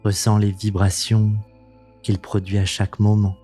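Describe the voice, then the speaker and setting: Low, slow, intimate male meditation guide. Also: completely flat delivery, soft background music. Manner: soothing, unhurried, gentle delivery.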